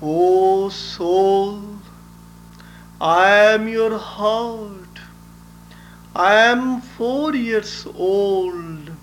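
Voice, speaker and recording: A man speaking as a spiritual teacher, delivering a solemn, measured devotional message. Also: sits high, a little hiss or hum. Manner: solemn, measured, deliberate recitation.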